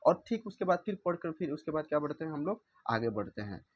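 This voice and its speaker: A man's voice: fairly high pitch, big pitch swings, lo-fi sound. Indian man teaching English words. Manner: reads English slowly then explains in Hindi; repeats words aloud to drill pronunciation. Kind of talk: explaining a vocabulary book.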